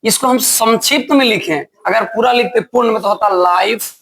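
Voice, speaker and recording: A man's voice: high-pitched, moderate pace, fairly bright tone. Male teacher, classroom grammar lesson, drills students with questions and answers them himself.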